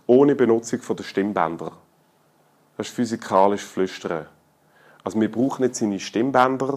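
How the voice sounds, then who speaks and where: With a medium-pitched voice, a middle-aged Swiss German-accented preacher speaks colloquially and humorously. His delivery swings back and forth between loud outbursts and hushed, intimate tones.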